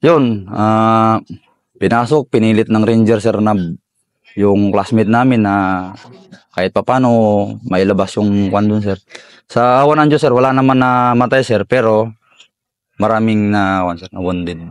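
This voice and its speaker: A middle-aged Filipino soldier from the Philippines, telling a war story in an interview, deferential and halting with many fillers. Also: male voice, lowish voice, clear, resonant tone, dry recording. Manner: deferential, says "sir" constantly, halting with fillers. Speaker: soldier recounting combat.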